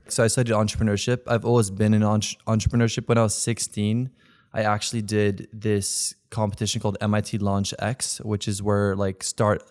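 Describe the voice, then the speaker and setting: A Belgian man in his twenties, a content creator, chats casually as an interview guest. His voice is lowish and a little mellow, and he rambles, leaning heavily on "like" as a filler.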